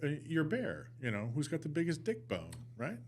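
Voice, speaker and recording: A man's voice: on the high side, wildly swooping pitch, moderate pace, darkish tone. A man hosting a podcast, asking his guest questions in a casual, jokey way. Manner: jokey, laughs easily, asks leading questions. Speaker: podcast host. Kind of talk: casual interview chat.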